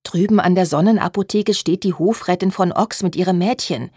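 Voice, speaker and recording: A woman's voice: on the low side, a little fast, darkish tone, breathy edge, dry recording, studio quality. A woman voicing a sensible, practical young seamstress in a storybook reading. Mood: calm. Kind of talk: audiobook reading.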